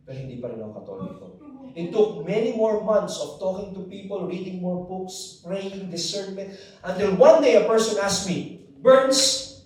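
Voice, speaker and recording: A fairly high-voiced man with a Filipino accent tells his faith story to a crowd in a big hall, animated and easily mixing Tagalog with English. He keeps asking the crowd to answer back. His voice booms around the very echoey room, picked up from a distant mic. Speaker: faith talk speaker. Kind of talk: personal testimony to a live audience. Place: large hall with a live audience.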